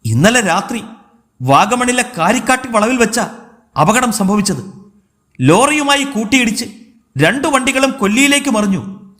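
A man voicing an anxious male government officer who delivers urgent news in a worried, hurried way. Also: very high voice, big pitch swings, a bit bright, voice pushed up, heavily acted. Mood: grave.

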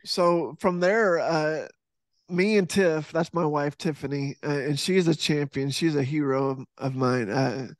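Guest slot: a man in his thirties from Texas, slightly high-pitched, heartfelt, speaking over a headset mic in a dry room. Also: a little slow, dry recording. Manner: earnest, heartfelt, with many restarts and fillers. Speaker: podcast guest, fitness instructor and author. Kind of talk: casual video-call interview. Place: home room with poster behind. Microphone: headset mic on boom arm over video call.

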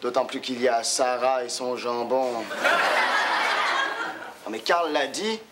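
An actor playing a nervous, deluded, boastful nerd in a television sitcom, stammering and repeating himself with a Quebec French accent. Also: male voice, mid-range voice, slow, natural voice. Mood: flustered. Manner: stammering, jittery, repeats words. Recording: loud audience laughter, noisy studio.

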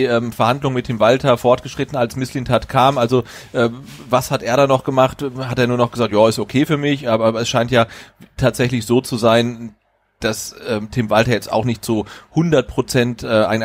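A man co-hosting a football podcast, giving his opinion firmly in casual talk with many hesitations and fillers. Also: mid-range voice. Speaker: podcast co-host.

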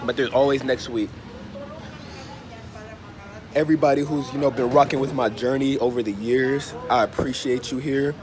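A man in his thirties with a congested, stuffy nose, under the weather, chatting casually to his phone as a travel vlogger, unhurried and repeating phrases. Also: medium pitch, steady tone, a crowd in the background. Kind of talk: casual chat to camera. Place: open-fronted hostel bar or cafe. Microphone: phone held at arm's length. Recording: noisy open-air cafe with traffic. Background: street and vehicle ambience.

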